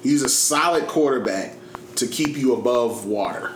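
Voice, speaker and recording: A man's voice: mid-range voice, lively intonation, moderate pace. A laid-back man giving opinions in casual football chat. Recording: echoey room with noise behind.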